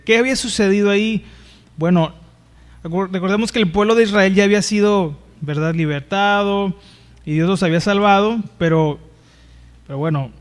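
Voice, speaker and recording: A man with a Mexican accent teaching a Bible lesson as pastor, conversational, with frequent restarts and tag questions. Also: sits high.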